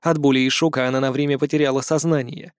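A man narrating a first-person audiobook in a lively, vivid storytelling manner. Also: mid-range voice, fast talker, clean tone, no room sound, studio quality.

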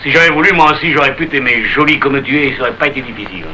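An actor playing a hot-headed young male barman, taunting and quick-tempered, in a 1930s stage-style delivery. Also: medium pitch, lively intonation, lightly acted. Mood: brooding. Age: young adult. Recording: hissy old archive recording.

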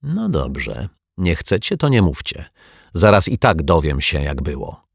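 A man reading an audiobook, voicing a calm, firm male detective who looks after children. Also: rumbling low, unhurried, vocal fry, husky, no echo, clean studio sound, heavily acted. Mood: questioning. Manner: firm, matter-of-fact. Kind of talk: audiobook character voice.

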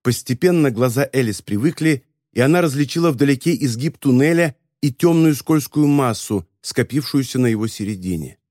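A man reading a story as an audiobook narrator, in an even, measured telling. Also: medium pitch, no room sound, clean studio sound. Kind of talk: scripted narration.

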